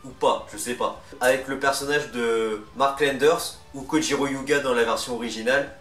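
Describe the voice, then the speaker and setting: Over background music, a man hosts a ranking video with casual, chatty, opinionated commentary. His mid-range voice is fairly bright and steady at a moderate pace, picked up by a distant mic in a roomy space.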